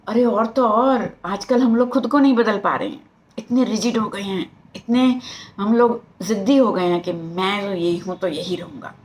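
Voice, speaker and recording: A middle-aged woman with an Indian accent, a life coach and psychologist, giving a lively motivational talk to camera and mixing in English phrases. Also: medium pitch, slight background noise, rough recording.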